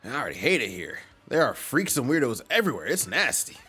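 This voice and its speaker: A man voicing a perky young female goomba student in a bubbly, excitable way. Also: medium pitch, fast talker, slightly rough, soft background music, pitched above the performer's own voice, exaggerated voice. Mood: excited.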